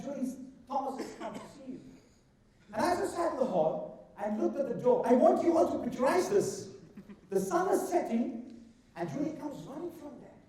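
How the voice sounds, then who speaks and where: A middle-aged man with an Indian accent performs a humorous speech in a very echoey hall, heard at a distance from the microphone. His tone is mellow and rounded, and his delivery is theatrical and rehearsed, with deliberate, stretched emphasis on key words. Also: extremely high pitch. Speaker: contest speaker. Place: large indoor event hall. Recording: echoey hall, far from the mic.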